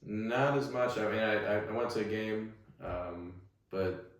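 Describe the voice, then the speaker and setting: This relaxed young guest, a native Russian speaker from Staten Island, New York, chats in a casual interview at a measured pace. His voice is lowish and picked up by an echoey, far-off mic, and he wanders through his thoughts with frequent fillers and restarts.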